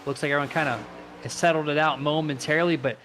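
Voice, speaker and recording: A man giving live color commentary on a simulated stock car race, analytical and steady as he breaks down positions and tire wear. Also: a little high, fast, a little hiss or hum.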